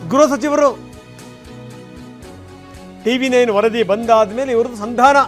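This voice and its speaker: A man's voice: very high-pitched, unhurried, soft background music. A man giving impassioned, indignant news commentary as an anchor, full of rhetorical questions and emphatic repetition.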